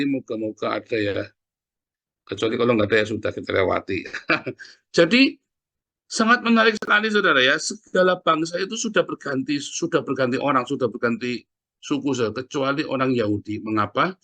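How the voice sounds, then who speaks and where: A middle-aged man preaching a sermon, often adding "Saudara ya" and dropping from loud peaks to quiet asides. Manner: conversational preaching, often tagging phrases with "Saudara ya"; swings from loud emphatic peaks to low asides.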